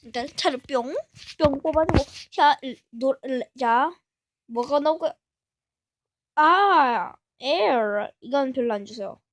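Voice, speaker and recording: A woman hosting a gaming channel, talking casually through a game step by step and breaking into excited exclamations. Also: high voice, unhurried, a little hiss or hum. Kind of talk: casual gameplay commentary.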